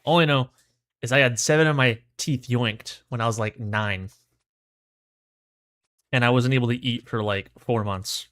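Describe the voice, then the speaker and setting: A man's voice: mid-range voice, measured pace, long pauses, a bit bright, no room sound, studio quality. Casual male streamer, mouth numb from dentist. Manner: laid-back, slangy. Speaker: livestream host. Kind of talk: casual gaming livestream chat.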